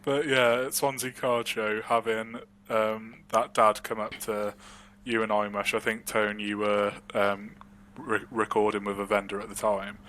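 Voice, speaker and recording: A man's voice: on the low side, flat delivery, a little slow, a bit bright, slight background noise. A young man co-hosting a casual podcast, talking candidly and rambling, often laughing. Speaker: podcast co-host.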